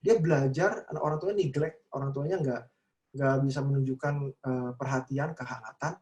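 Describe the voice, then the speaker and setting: A man's voice: mid-range voice, brisk, a little mellow, echoey room, highs cut off. A middle-aged male psychologist giving a casual online seminar talk to parents. He chats freely, tags his sentences with little check-in phrases, and acts out the voices he quotes. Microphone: video call.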